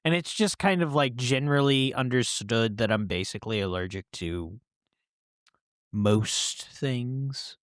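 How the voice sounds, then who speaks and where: A man co-hosting a casual podcast, rambling through jokes and playful mock-formal asides. His pitch sits mid-range for a man, and the close mic gives a dry, dead sound. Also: a little slow, fairly bright tone, dry recording. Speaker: podcast co-host.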